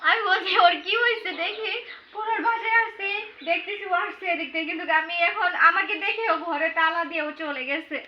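A woman's voice: extremely high pitch, fairly quick, lo-fi sound. A young woman playing a girl left by her secret husband, speaking in a tearful, pleading way. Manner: tearful, pleading, half-laughing through tears. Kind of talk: amateur street drama.

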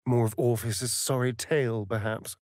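For a fantasy video game, a male actor voices a sly, vain vampire rogue with an arch, flamboyant, sardonic drawl, sounding wry and curious. His medium-pitched, darkish voice has fairly even intonation, a normal pace and an everyday quality, recorded dry at studio quality.

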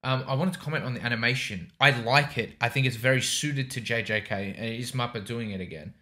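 A man's voice: mid-range voice, fast, pushed and bright. A young man chatting casually as a reaction host, in hesitant, rambling phrases. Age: young adult. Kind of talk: casual chat commentary. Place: small indoor home studio. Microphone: microphone on a desk boom arm.

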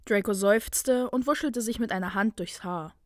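A woman reading a fan story aloud in a calm, even storytelling manner. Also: medium pitch, moderate pace, dry recording, clean studio sound. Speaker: fanfiction reader.

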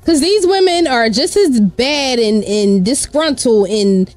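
A woman's voice: high-pitched, animated, takes it slowly, darkish tone, faint music behind. A woman in her thirties or forties co-hosting a podcast in casual, conversational talk, emphatic and repeating herself to make a point, close on the mic. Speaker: podcast co-host. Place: small home podcast studio. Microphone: close microphone on a boom arm.

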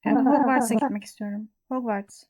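A young woman commentating her game in a relaxed, mellow voice set a little high. She reacts on the spot, jokes at what happens and swears freely. The sound is dry and close. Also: moderate pace, dry recording. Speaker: gaming channel host. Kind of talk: casual let's-play commentary.

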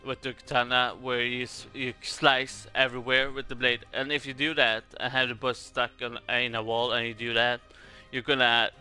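A man's voice: medium pitch, flat delivery, normal speed, hardly any pauses, bright, forceful tone, smooth, faint music behind. A man from Sweden with a Swedish accent gives casual game commentary in a hesitant, rambling way, repeating words as he goes. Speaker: gaming video creator.

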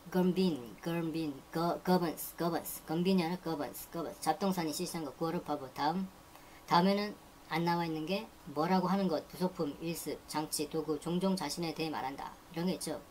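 Brisk vocabulary teacher, woman with a deep speaking voice, repeats each word, faint noise underneath. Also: darkish tone. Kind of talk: reading dictionary entries aloud.

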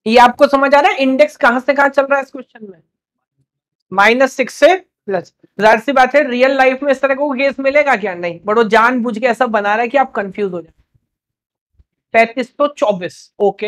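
A man's voice: extremely high pitch, fairly bright tone. Young guy teaching a class, keeps quizzing the kids, teasing them a bit, pushing them on. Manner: interactive, quizzing students with quick questions; playfully scolding, motivational. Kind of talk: live classroom lecture.

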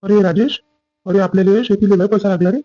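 A man playing an older farmer father in a family drama skit, proud and stern, with a gruff, indignant manner. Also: high-pitched, little pitch movement, fast, dark tone, no room sound, highs cut off. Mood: calling.

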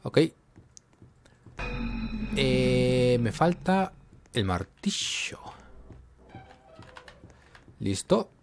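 A man's voice: mid-range voice, big pitch swings, drawn-out words, pauses often, music in the background. A man giving casual gameplay commentary, talking to himself and getting jumpy and scared as he plays. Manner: jumpy, talks to himself while playing.

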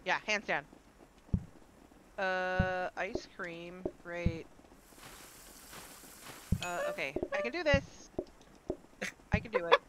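A gamer trading playful jokes and quick calls with teammates in a casual co-op session. The pitch sits in a middle range. A clear hiss of background noise runs under the voice. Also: animated. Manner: playful, jokey banter. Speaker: co-op player. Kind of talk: casual gameplay chat. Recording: noisy gameplay recording.

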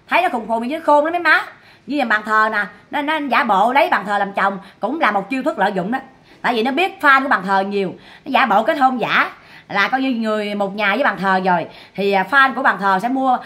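Scolding woman, bright voice. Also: fairly high pitch. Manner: scolding, repetitive, emphatic. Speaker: online commentator. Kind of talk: gossip commentary livestream.

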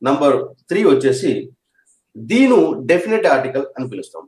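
A man's voice: medium pitch, big pitch swings, fairly quick, darkish tone. A man teaching an English grammar lesson, repeating each point and checking that his students understand. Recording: echoey room.

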